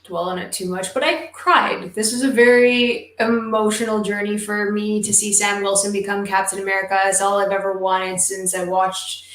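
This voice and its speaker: An enthusiastic woman chatting casually as a co-host, emphatic and quick to gush. Her voice sits at a middle pitch. It rings a little in a roomy space. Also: flat delivery, fairly bright tone. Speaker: podcast co-host. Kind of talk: casual chat. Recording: roomy echo.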